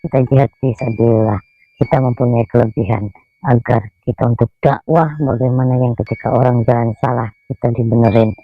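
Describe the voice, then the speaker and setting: A man's voice: mid-range voice, steady tone, brisk, vocal fry. A man, a spiritual healer, giving an earnest, admonishing talk in a dull lo-fi recording.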